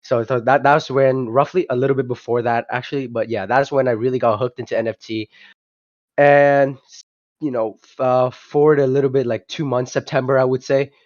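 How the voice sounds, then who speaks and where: Joining a casual podcast interview over an online call, this young project founder from Vietnam keeps restarting and leaning on "you know" as he hesitates. His medium-pitched, darkish voice stays fairly even at a moderate pace. There's no room sound, just dull lo-fi call audio.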